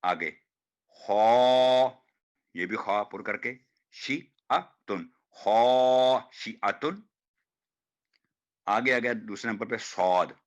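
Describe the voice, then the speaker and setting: A man teaching Quran recitation, demonstrating hard words slowly and repeating each one. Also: fairly low pitch, pushed and bright, dull audio. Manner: slow, drawn-out demonstration of each word, repeated. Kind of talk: online pronunciation class.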